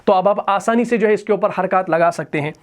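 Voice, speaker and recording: A man's voice: sits high, a little fast. A man teaching Quran grammar in a classroom style, often putting a question to the class and then answering it himself. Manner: repeats key terms as questions to the students. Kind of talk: classroom lesson.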